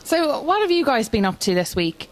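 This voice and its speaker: A woman's voice: high voice, very animated. Cheerful woman interviewer. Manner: cheerful, brisk questions. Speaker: event interviewer. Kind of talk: casual event interview.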